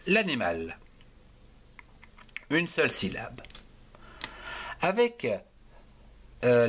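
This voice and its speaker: A man's voice: medium pitch, fairly bright tone. A man with a French accent teaching handwriting, spelling out words letter by letter and sounding out each syllable. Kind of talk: slow spelled-out handwriting lesson.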